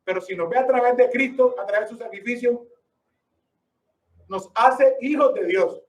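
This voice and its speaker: A high-pitched male preacher delivers an emphatic sermon full of rhetorical questions. He calls out to his listeners as brother. The sound is roomy and echoing, picked up from some distance. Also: normal speed.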